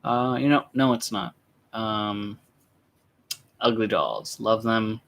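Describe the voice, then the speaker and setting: A man's voice: fairly low pitch, slow pace, vocal fry, fairly bright tone. A young man chatting casually while unboxing at home, laid-back and rambling with lots of fillers, keeping his voice down. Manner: keeps his voice down. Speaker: vlogger. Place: room at home with shelves.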